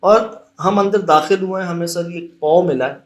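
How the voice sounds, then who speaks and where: A man, a paranormal investigator retelling a haunted visit in a lively, dramatic way. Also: high voice, normal speed. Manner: animated, dramatic retelling with rising emphasis. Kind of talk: casual storytelling chat.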